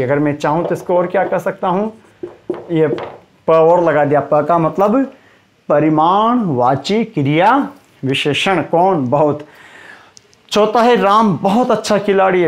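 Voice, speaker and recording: A man teaching a Hindi grammar lesson, quizzing his students and slowly repeating the key terms for emphasis. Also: a little high.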